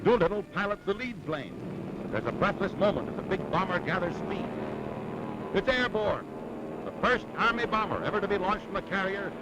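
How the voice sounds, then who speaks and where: A man's voice: high voice, expressive, moderate pace, heavy background noise. A man narrating an old 1940s newsreel with an emphatic, dramatic announcer delivery.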